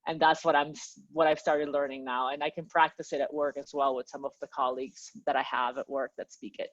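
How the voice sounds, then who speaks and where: A woman's voice: very deep voice, little pitch movement, brisk, lo-fi sound. A woman from Peru, a language teacher, chatting as a guest in a casual interview and laughing often.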